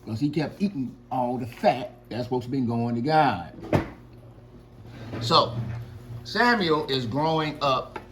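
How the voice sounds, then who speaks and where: A man casually retelling a Bible story to his children, lively and slangy, acting out the dialogue. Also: mid-range voice, unhurried, pauses often, slight background noise. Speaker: father telling a Bible story.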